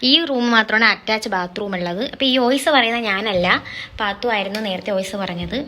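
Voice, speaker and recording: A woman's voice: medium pitch, fast talker, very noisy. A young woman, chatting casually as she gives a home tour and keeps calling out to her viewers. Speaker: vlogger giving a home tour.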